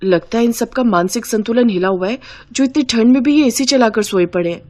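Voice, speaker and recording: A young cartoon bride, voiced by a woman, fed up and sharp-tongued. She speaks high and quick, muttering sarcastic asides. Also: natural voice.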